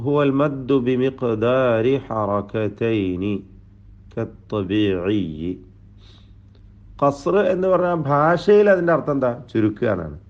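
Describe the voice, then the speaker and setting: Guy slowly explaining a recitation lesson, drawn-out words, kinda muffled lo-fi audio. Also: mid-range voice. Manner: slow, deliberate explaining with drawn-out recited terms. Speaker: teacher. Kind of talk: tajweed lesson lecture.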